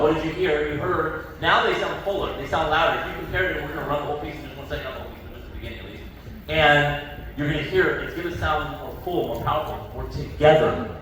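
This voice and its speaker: A man with a slightly high voice teaches a choir as its judge and clinician. He explains step by step and often checks with questions. The sound is distant and very echoey, with clear background noise. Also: fairly bright tone. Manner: instructive, asks checking questions and demonstrates. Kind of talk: spoken choir workshop instruction with sung demonstrations. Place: large reverberant indoor performance space.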